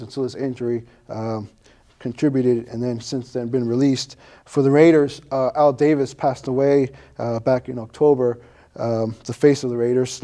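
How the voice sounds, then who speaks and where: A man's voice: medium pitch, warm tone. A man co-hosting a sports show, recapping the football season hesitantly with many fillers.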